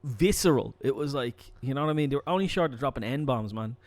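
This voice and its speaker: A young man with a Dublin Irish accent, a podcast co-host who rambles through animated stories, restarting sentences and swearing freely. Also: mid-range voice, fairly quick. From Ireland. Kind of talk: casual chat.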